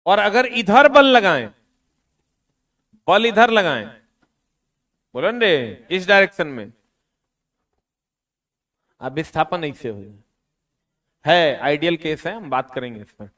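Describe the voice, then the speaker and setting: Male teacher, high-ish voice, slow and chatty, teases students during a classroom science lecture. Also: sing-song. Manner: chatty, teasing students, drops to quiet asides.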